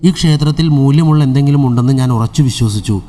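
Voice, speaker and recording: A man's voice: mid-range voice, quick pace, slight background noise, natural voice. A man voicing a frightened grandfather in a horror story, pleading and crying out for help. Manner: shouting, pleading.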